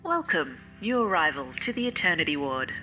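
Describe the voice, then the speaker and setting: A man's voice: fairly high pitch, wildly swooping pitch, a little fast, bright, forceful tone, full character voice. A man playing God as a weary, offhand clerk reciting instructions in a scripted comedy sketch. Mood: bored, officious. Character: God as a weary, fussy office-style receptionist of heaven. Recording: music behind the voice. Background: music.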